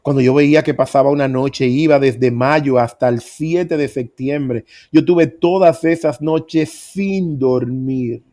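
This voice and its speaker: A man's voice: medium pitch, slow, hardly any pauses, warm tone. A middle-aged man preaching, telling his own story with earnest emphasis. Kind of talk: sermon testimony.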